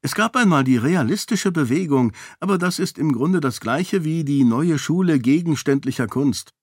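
A man's voice: fairly high pitch, animated, moderate pace, breathy edge, dry recording, clean studio sound, pitched above the performer's own voice. A man voicing a precocious little girl who lectures others in a raised, indignant voice. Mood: lecturing. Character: precocious little girl, know-it-all and touchy.

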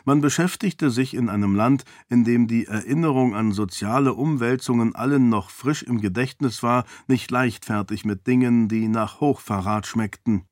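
A man reading a fantasy novel as an audiobook narrator, measured and even. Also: mid-range voice, dry recording, clean studio sound. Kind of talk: scripted narration.

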